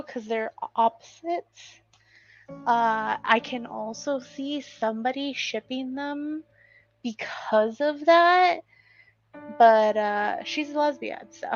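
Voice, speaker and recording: Woman, livestream host, slow rambling chat, sleepy, giggly, lo-fi sound with faint music. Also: on the high side, vocal fry, fairly bright tone. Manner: rambling, giggly, with many fillers. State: sleepy, yawning.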